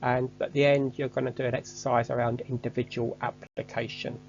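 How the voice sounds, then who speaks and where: A man giving a measured, structured, scripted online lesson as a course instructor. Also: mid-range voice, flat delivery, vocal fry, highs cut off, a little hiss or hum.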